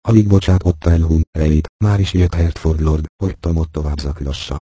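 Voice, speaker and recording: Very deep, husky male audiobook narrator. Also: steady tone, dark tone, dry recording. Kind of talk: scripted narration of a classic novel.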